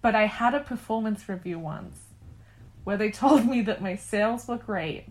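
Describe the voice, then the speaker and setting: Young female podcast co-host, rambling and profane, quick to laugh. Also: medium pitch, very noisy. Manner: laughs often, swears freely, rambling asides. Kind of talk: casual chat.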